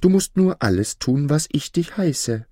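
A man's voice: a little high, lively intonation, measured pace, dark tone, no echo, studio quality, voice pushed up. A man as a cunning, commanding fiddler. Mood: coaxing commands.

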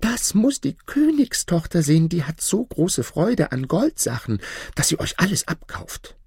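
A man doing a young chambermaid from a storybook, her voice jumping up high and lively as she hurries to share news. The delivery is eager and swings widely in pitch. The recording is dry and close. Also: unhurried, slightly rough, no echo, exaggerated voice. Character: excited young female chambermaid.

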